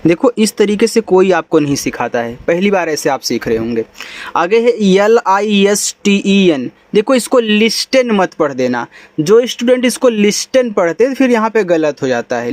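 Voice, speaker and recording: High-voiced male teacher, close dry sound. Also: no room sound. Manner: patient, repeats and checks with the listener. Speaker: English teacher. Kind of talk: step-by-step spoken lesson.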